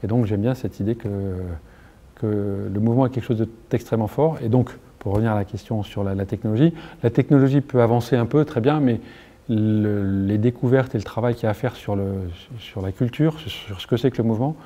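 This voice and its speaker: A middle-aged French man answering interview questions in a halting, earnest way, with many restarts and fillers. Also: fairly low pitch, mellow. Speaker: motion capture engineer being interviewed.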